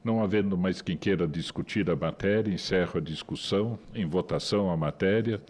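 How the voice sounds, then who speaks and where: A man's voice: low-pitched, fairly quick, darkish tone. A Brazilian man chairing a legislative committee session, speaking in a formal, procedural way. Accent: Brazilian Portuguese.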